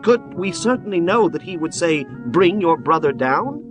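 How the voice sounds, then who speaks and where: A man's voice: a little high, expressive, moderate pace, natural voice. A man voicing Judah, a resolute and persuasive brother, in a dramatized scripture reading. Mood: earnest. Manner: earnest, persuasive. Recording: music bed behind voice.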